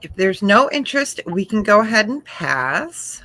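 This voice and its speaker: Slow-talking bright-voiced woman auction host. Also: mid-range voice, sing-song, no room sound, poor audio. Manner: chatty, describes items slowly, laughs often. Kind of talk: casual live sales chat.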